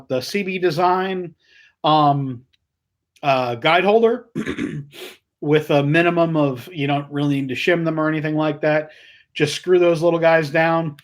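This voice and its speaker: A man hosting a casual live stream, chatting in a rambling way and greeting viewers by name as he goes. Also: a little high.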